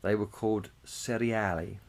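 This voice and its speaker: A man's voice: on the low side, fairly even intonation, moderate pace. A man, co-hosting a casual podcast chat, swearing freely and chuckling as he talks. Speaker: podcast co-host.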